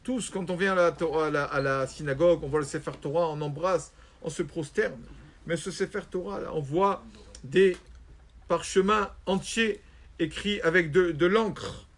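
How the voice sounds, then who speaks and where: A rabbi telling a story in a religious lesson, animated and acting out quoted voices. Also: male voice, a little high, normal speed.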